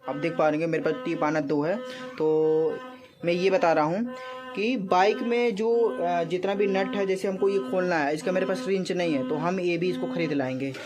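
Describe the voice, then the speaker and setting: With music in the background, a high-voiced vlogger from Gorakhpur, India, speaks at normal speed with fairly even intonation and an eastern Uttar Pradesh accent. He chats casually, repeating explanations and checking in often, in noisy amateur audio full of ambience.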